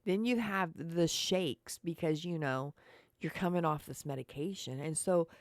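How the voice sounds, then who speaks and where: A woman's voice: sits low, a little slow, dry recording, studio quality. A woman hosting a podcast, telling her story in a chatty, sarcastic monologue and calling her listeners folks. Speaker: podcast host. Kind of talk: casual monologue.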